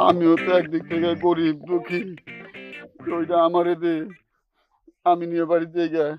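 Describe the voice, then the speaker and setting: An actor playing a melodramatic, wheedling middle-aged brother-in-law in a TV drama, speaking in a colloquial dialect. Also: male voice, fairly high pitch, completely flat delivery, moderate pace, muffled recording, music in the background, natural voice. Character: sulking middle-aged brother-in-law, scheming and self-pitying. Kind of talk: TV drama acting.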